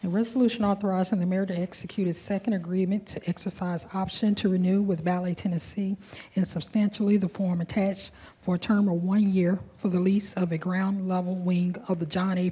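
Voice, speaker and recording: A woman's voice: lowish voice, dark tone, breathy edge, low-quality recording. A woman clerk formally reading official resolutions aloud. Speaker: city clerk.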